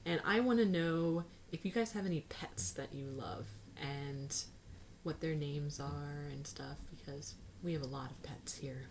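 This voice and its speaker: A woman's voice: low-pitched, a little slow, noisy background. A woman co-hosting a casual chat, playful and teasing as she talks. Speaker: co-host.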